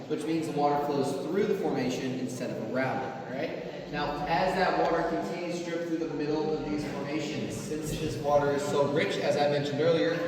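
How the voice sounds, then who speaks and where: A man's voice: on the high side, far from the mic. Male tour guide echoing through a cave. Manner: joking, instructive. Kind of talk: rehearsed guided-tour talk with dry jokes. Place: inside a large cave. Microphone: picked up at a distance by a visitor's recorder. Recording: very echoey cave, off-mic, noisy.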